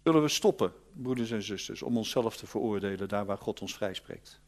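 A male preacher, giving an animated storytelling sermon that swings from loud to hushed. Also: lowish voice, brisk.

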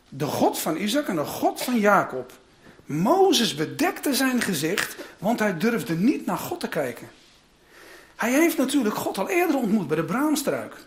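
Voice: mid-range voice, slight background noise. A preacher giving a sermon, telling the story dramatically and dropping in casual asides to the listeners.

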